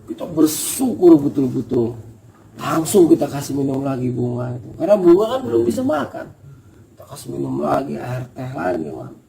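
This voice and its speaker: A man's voice: mid-range voice, expressive, normal speed, vocal fry, warm tone. A man telling a hiking story in a casual, emotional and earnest way. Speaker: storyteller recounting a hiking experience. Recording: noisy background ambience.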